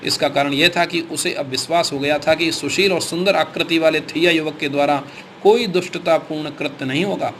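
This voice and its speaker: A man narrating an audiobook in a steady, formal reading style. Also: fairly high pitch, moderate pace, slight background noise.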